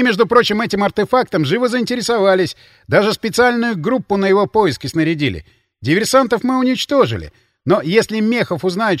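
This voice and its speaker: A man's voice: high voice, dry recording, studio quality, pitched above the performer's own voice. A man voicing a weary, sardonic warlock. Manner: sardonic, hissing when angry. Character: weary, sharp-tongued male warlock.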